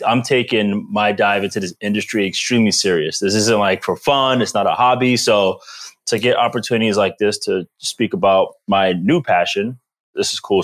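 A man in his thirties from the East Coast of the US, a guest telling stories in a casual chat and laughing often. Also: fairly low pitch. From Rhode Island, US East Coast. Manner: animated storyteller who laughs often. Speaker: guest, former pro football player.

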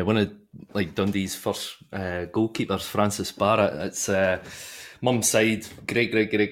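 Scottish male co-host, mid-thirties, lowish voice, easygoing teasing. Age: 30s. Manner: teasing, laid-back banter. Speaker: podcast co-host. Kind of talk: casual podcast chat.

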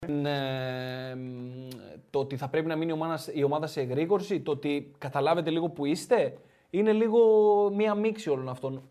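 Relaxed, slightly high-voiced male guest. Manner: relaxed, explanatory, matey. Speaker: podcast guest. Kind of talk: casual sports chat.

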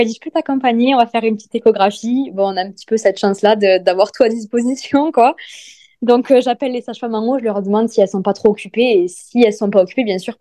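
A woman in her thirties telling her own pregnancy story in casual podcast chat, talking with many fillers and lively retelling. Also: medium pitch, no echo.

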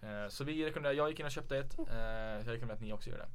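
A man's voice: medium pitch, smooth. A young man hosting a podcast in a casual chat, telling stories laid-back and swearing freely. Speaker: podcast host.

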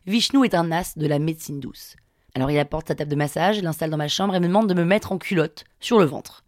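A woman's voice: sits low, fast, no echo, studio quality. Wry woman telling a scripted comic tale. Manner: wry, self-mocking storytelling. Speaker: podcast storyteller.

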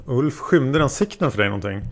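A man's voice: medium pitch, animated, vocal fry. A man reading the questions of a methodical male police interrogator. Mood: probing. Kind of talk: read-aloud interrogation transcript.

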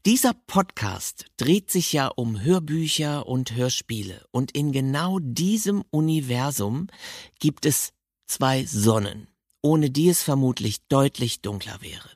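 In a Hamburg recording studio, a man hosts a chatty interview podcast about audiobooks, speaking informally and with enthusiasm. His medium-pitched voice is expressive, unhurried and a little mellow. Captured on a close studio mic, the sound is studio quality with no room sound.

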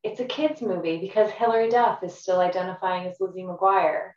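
A woman's voice: on the low side, a little fast. A woman in her thirties chatting casually as a podcast guest. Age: 30s. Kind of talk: casual chat. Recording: roomy, distant, slightly dull microphone.

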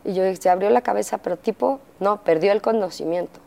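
A Mexican woman speaks openly as an interview guest, recounting her life in a candid, conversational way. Her voice is mellow and warm, and she slips in fillers while she acts out what others said. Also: mid-range voice, fairly quick, gravelly. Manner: candid storytelling, acting out quoted dialogue, frequent fillers. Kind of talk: personal testimony in conversation.

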